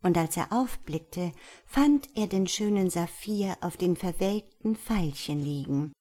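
A woman narrating a fairy tale aloud in slow, deliberate storytelling. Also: fairly low pitch, lively intonation, warm tone. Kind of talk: audiobook fairy tale reading.

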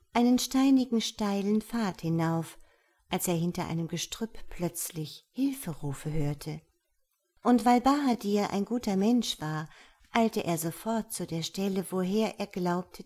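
A woman narrating a fairy tale in a calm, measured reading voice. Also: medium pitch. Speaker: storyteller.

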